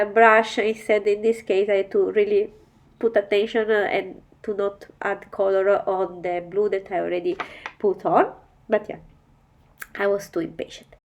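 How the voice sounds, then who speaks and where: Nasal woman with a cold. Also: a little high. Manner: halting, explains each step in non-native English. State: has a bad cold. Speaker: mixed media art tutorial creator. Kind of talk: voice-over craft tutorial narration.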